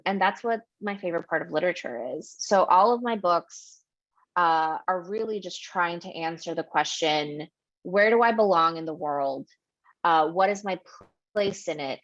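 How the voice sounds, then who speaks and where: Speaking over a video call with dry, muffled sound and no echo, a woman with a deep, fairly bright voice fields questions as the featured author at an online book event. Originally from Ecuador, she grew up in Queens, New York, and her answers wander thoughtfully, thick with fillers.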